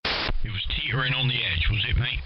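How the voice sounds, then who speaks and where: A man's voice: medium pitch, a little fast. A man, a ham radio operator giving short, laid-back replies in casual chat. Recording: dull radio audio under heavy static.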